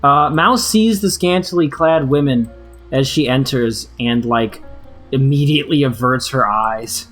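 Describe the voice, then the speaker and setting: A man of average pitch acts as game master, narrating a tabletop session off the cuff in a casual way. Faint music sits underneath. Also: a little slow, a bit bright.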